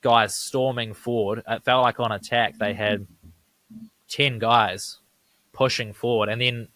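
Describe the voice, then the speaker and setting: A man's voice: medium pitch, fairly even intonation, a little slow, fairly bright tone, dry recording. A man, co-hosting a casual sports podcast, talking conversationally and checking in with tag questions. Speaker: podcast co-host.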